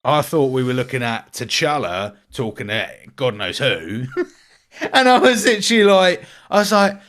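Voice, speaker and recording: Brief: young British guy, animated pitch, rambling podcast talk. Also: normal speed. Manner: rambling, restarts, big pitch swings. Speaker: podcast co-host. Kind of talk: casual chat.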